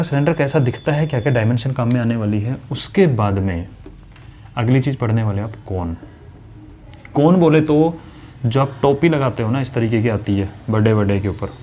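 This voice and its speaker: Mellow-voiced male maths teacher. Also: mid-range voice, a little hiss or hum. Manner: conversational, addresses students directly, voices their questions. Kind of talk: classroom lesson explanation.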